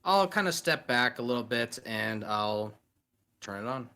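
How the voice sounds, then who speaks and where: A man playing a tabletop game, describing his actions and speaking in character in a measured, stoic, formal way. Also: mid-range voice, lively intonation, sharp tone. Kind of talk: deliberate in-character role-play.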